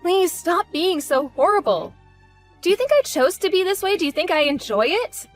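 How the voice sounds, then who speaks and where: Audio drama: woman to play polite, apologetic daughter-in-law, meek and placating, high register, light music underneath. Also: sing-song, moderate pace. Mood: pleading. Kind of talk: scripted audio drama acting.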